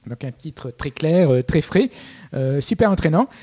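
A man's voice: fairly high pitch, lively intonation, measured pace, dark tone, husky. A man co-hosting a casual podcast, presenting his segment with many fillers and restarts. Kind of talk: casual chat.

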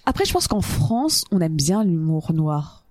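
A panelist talks in a casual film discussion with a mellow voice. The delivery is informal, rewording thoughts along the way, and the sound is very dry. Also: medium pitch, very animated, a little slow, dry recording.

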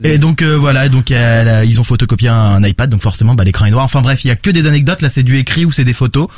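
A man's voice: mid-range voice, fast, a little mellow, dry recording, clean studio sound. A man presenting and reviewing podcasts in a chatty, enthusiastic way, with many fillers and restarts.

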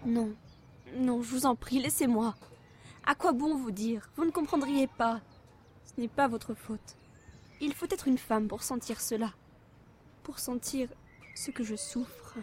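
A woman playing a sulking, tearful young lover in an amateur audio drama, evasive and halting, then reproachful. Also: on the high side, slight background noise, natural voice. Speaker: voice actress.

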